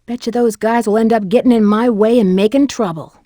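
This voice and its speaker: A woman's voice: fairly high pitch, fairly even intonation, a little fast, mellow, dry recording, clean studio sound, natural voice. A woman voicing a flirty, sassy female bat treasure hunter in a video game, with a confident, teasing manner. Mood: smug.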